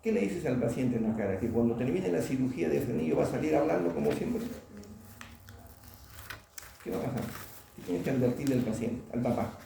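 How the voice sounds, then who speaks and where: A man's voice: medium pitch, very animated, fairly quick, vocal fry, long pauses, warm tone. A man giving a classroom lecture and often quizzing the class with a questioning "¿no?". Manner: asks the class questions, tag "¿no?". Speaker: oral surgery lecturer. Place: lecture room. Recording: very echoey lecture hall from far off, faint noise.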